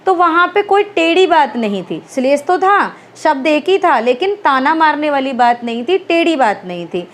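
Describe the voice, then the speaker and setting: A woman's voice: sits high, big pitch swings, normal speed, hardly any pauses. A woman teaching Hindi grammar for exam prep, explaining step by step and asking and answering her own questions.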